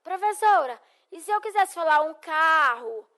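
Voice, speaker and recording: A woman's voice: very high voice, lively intonation, a little slow, bright, forceful tone, full character voice. A Brazilian Portuguese-accented woman playing an adult student who asks the teacher questions in a recorded lesson. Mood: curious. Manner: questioning, curious. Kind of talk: classroom role-play in a recorded lesson.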